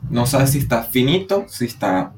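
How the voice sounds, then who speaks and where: A man with a Venezuelan accent co-hosting a casual podcast chat, animated and dramatic as he acts out the voices he quotes. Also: mid-range voice, moderate pace, faint music behind. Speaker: podcast co-host.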